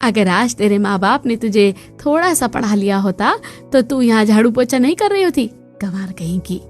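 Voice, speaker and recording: A woman voicing an arrogant, rich middle-aged mother in a cartoon story, sharp and scornful. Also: on the high side, animated, moderate pace, soft background music, close to an everyday voice.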